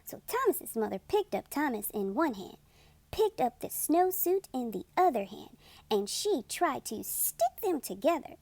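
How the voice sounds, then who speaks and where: A woman hosting storytime, reading a children's book in an expressive, deliberate and emphatic narration. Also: high voice, dry recording. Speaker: storytime host and reader.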